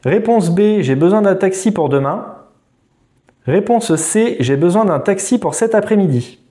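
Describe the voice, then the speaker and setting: A man runs a quiz lesson and talks informally straight to the viewer. His voice sits high. It has a soft, mellow tone. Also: lively intonation. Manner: informal, addresses the viewer directly; reads quiz answers slowly and distinctly. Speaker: driving exam tutor.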